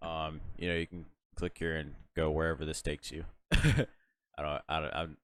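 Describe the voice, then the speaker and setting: A young man giving a casual, rambling software tutorial, full of fillers and restarts and yawning now and then. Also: extremely low pitch. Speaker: tutorial host.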